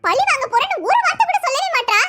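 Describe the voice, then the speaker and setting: A woman's voice: extremely high pitch, big pitch swings, fast talker, bright, forceful tone, heavily acted. A woman voicing a cheeky, greedy young maid in a cartoon, wheedling and gossipy, with a Tirunelveli Tamil accent. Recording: noisy cartoon voice track.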